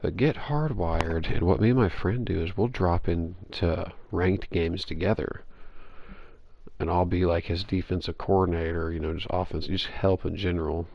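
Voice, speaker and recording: A man's voice: low-pitched, creaky, no echo. A man chatting casually while playing an online game, rambling and swearing freely with lots of restarts, over a headset mic. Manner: rambling, profane, with frequent restarts. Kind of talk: casual gaming chat. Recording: dull, dry lo-fi mic audio.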